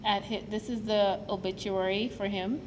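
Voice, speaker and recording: A woman's voice: medium pitch, fairly even intonation, normal speed. A woman from Guyana gives an earnest, storytelling public talk to an audience as a preservation advocate at a museum. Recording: long hall reverb, faint noise.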